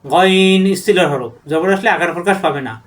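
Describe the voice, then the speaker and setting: In a letter-by-letter Quran reading lesson, a man with a high-sitting voice speaks briskly. He chants each letter name in a long, drawn-out way and then explains how to pronounce it.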